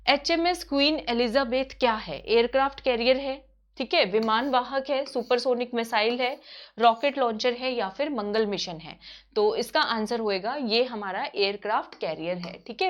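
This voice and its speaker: A woman teaches an online current-affairs quiz, moving quickly and repeating each answer so it sticks. Her voice sits a little high, and she keeps checking in with her students. The audio is somewhat dull and lo-fi. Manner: brisk and repetitive, often checking in with "theek hai". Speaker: exam-prep teacher.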